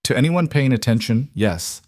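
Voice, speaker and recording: A man's voice: mid-range voice, animated, moderate pace, a little mellow, no room sound, clean studio sound, voice pushed up, natural voice. A man reading as a blunt, knowing woman investor. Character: sharp, blunt female investor.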